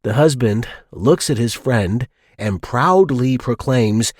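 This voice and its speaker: A man's voice: medium pitch, takes it slowly, dry recording, studio quality. A man telling scripted dirty jokes in a leering, smutty, theatrical manner, acting out the dialogue. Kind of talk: scripted joke-telling countdown.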